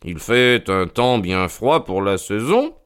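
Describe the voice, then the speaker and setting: A man playing a calm, ironic detective who reasons and mocks with composure, in an audio drama reading. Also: takes it slowly, smooth, exaggerated voice. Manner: composed and mocking, lively rises in pitch. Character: calm, ironic male detective, sure of himself.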